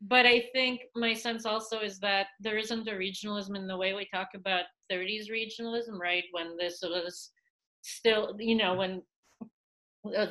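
This woman's mid-range voice comes through a low-quality laptop webcam recording. She is a Russian museum curator in her thirties, chatting animatedly in a casual video-call interview from a small room at home. She gestures while talking and her speech is packed with fillers and false starts.

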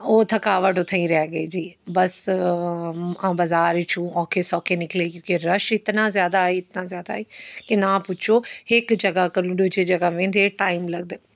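A middle-aged woman narrates her vlog in a chatty, rambling way, pausing often on fillers. Her voice sits low and stays fairly flat. It is recorded dry and close, with no room sound. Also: vocal fry, dry recording. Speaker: beauty parlour owner and vlogger. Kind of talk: casual vlog voice-over.

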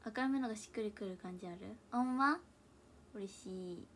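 A woman's voice: mid-range voice, fairly quick, a bit bright, a little hiss or hum. A young woman with a Hakata dialect mixed with Kansai, chatting casually on a livestream from a room at home and often dropping into murmured asides to herself. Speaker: idol livestreamer. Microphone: tablet or phone device.

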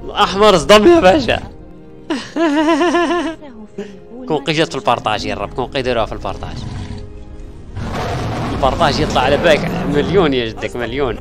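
A man with an Algerian Arabic accent hosting a game livestream, repeating phrases over and over and thanking viewers excitedly. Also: medium pitch, racing, long pauses, music in the background. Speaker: gaming livestream host. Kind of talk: live-stream game commentary, thanking viewers.

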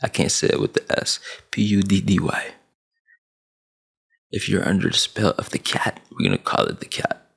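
A young man in his twenties with a gravelly, deep voice that's a bit bright delivers a motivational rant to camera, very animated at normal speed and pausing often. Born in Sudan and raised in Saudi Arabia, this vlogger takes an emphatic, preachy big-brother tone and gestures with his hands. He talks into a headset boom mic in a small, dim room at home, with a gaming chair behind him.

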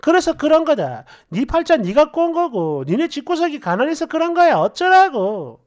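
A woman's voice: high-pitched, sing-song, moderate pace, darkish tone. A woman voicing a blunt, scornful young woman friend who mocks and insults harshly.

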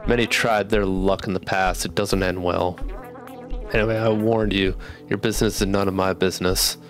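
Grim, grudging robot prophet of doom, read by a male gamer in his own lowish voice, flat and dry. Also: moderate pace, soft background music. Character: gloomy, grudging robot who warns of doom.

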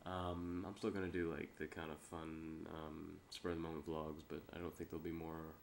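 A young man who is sick with a stuffy nose, giving a low-key, hesitant, rambling vlog update into a webcam. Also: flat delivery, normal speed, creaky, slight background noise. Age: young adult. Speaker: vlogger and amateur filmmaker. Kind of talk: casual, unscripted update vlog. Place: small room indoors. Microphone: webcam or laptop mic at arm's length.

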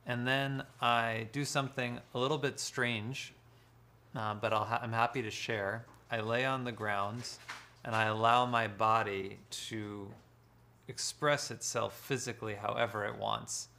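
A man speaking as a guest author, talking slowly and deliberately in a live social-media conversation. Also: medium pitch, fairly even intonation, gravelly, bright, forceful tone, a little hiss or hum. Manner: slow, deliberate and measured.

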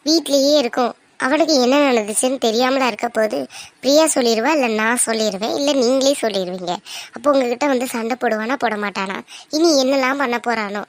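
A woman's voice: on the high side, no room sound, natural voice. A woman as a worried scolding cartoon mother. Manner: reproachful, complaining. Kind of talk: cartoon voice acting.

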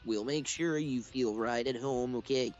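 A man voicing a cheerful teenage girl club president, read in a flat, robotic way that speaks the punctuation aloud. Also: medium pitch, a little slow, faint music behind, close to an everyday voice. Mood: welcoming. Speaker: let's play voice actor. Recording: dull lo-fi recording.

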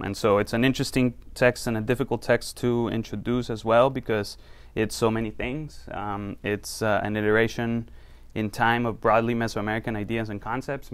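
Soft-spoken man giving a low-pitched academic talk. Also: clear, resonant tone. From Costa Rica. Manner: loose and conversational, many fillers. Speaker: university researcher giving a talk. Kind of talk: academic presentation to a small audience.

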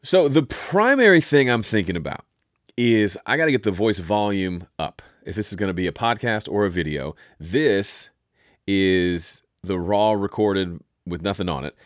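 A man with a deep, resonant voice hosting an audio software tutorial in a relaxed, chatty way. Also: moderate pace, no room sound, clean studio sound. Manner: relaxed, chatty, self-interrupting. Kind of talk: casual spoken tutorial.

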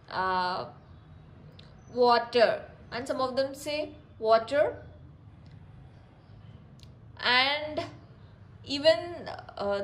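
A woman's voice: sits high, low-quality recording. A young woman, explaining exam notes in a casual lesson with examples and frequent restarts. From India. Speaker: tutor.

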